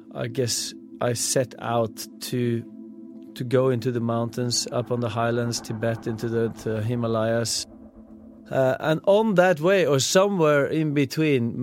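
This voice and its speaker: A man's voice: mid-range voice, darkish tone, no echo. Hesitant Norwegian-accented man, dry close sound. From Norway. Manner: hesitant, halting, searching for words. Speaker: interviewee. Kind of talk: personal account.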